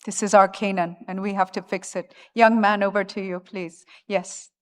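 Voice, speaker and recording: A woman's voice: medium pitch, level tone, normal speed. A woman moderating a live event, politely directing speakers and audience. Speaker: forum moderator. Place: conference hall with audience. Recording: echoing hall with long reverb.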